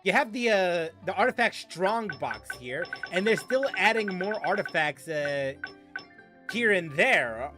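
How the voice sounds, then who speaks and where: Faint music plays behind a gaming streamer who rambles through casual live commentary, laughing a lot and restarting sentences. He sounds high, sing-song and sharp, speaking in an unhurried way.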